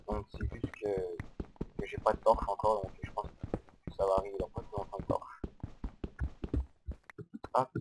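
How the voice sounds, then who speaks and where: A man giving casual, hesitant gameplay commentary, explaining step by step on a low-quality microphone. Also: little pitch movement, a little slow, pauses often, background noise. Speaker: Minecraft let's-player.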